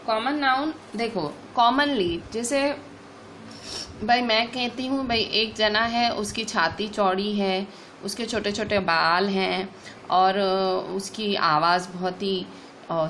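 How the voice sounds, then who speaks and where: A woman teaching an online grammar class, explaining slowly, restating points and checking in with "okay" after each one. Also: medium pitch, a bit bright, a little hiss or hum.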